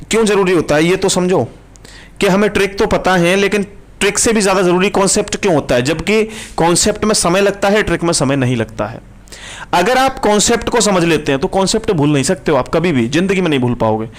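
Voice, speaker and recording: Male tutor, fairly high voice, brisk live class, keeps asking students questions. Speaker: reasoning teacher.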